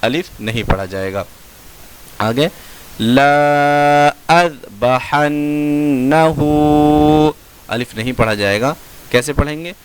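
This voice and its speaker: A man teaching Quranic spelling in a slow classroom lesson, drawing out each recited word in a chant and then explaining quickly in a lower voice. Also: expressive, a bit bright, a little hiss or hum. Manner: drawn-out chanted recitation of words between quick low explanations.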